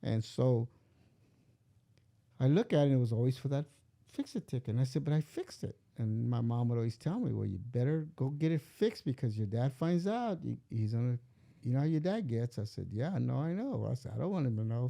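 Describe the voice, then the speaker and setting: In a casual interview, a father, an older man, rambles through a long personal story, bringing the quoted voices to life. He's expressive and brisk, with a mid-range voice that is creaky and mellow.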